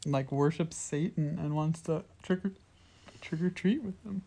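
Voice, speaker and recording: Deep voiced woman cohost, says like a lot, sticks up for the movie. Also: unhurried, dark tone. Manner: playful, defends the film, many "like" fillers. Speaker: podcast co-host. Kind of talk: casual chat about a movie.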